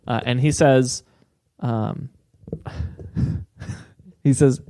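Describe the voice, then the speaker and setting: A man's voice: mid-range voice, fairly even intonation, extremely slow, warm tone, no room sound. A man co-hosting a podcast, telling a story in casual chat and laughing often. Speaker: podcast co-host.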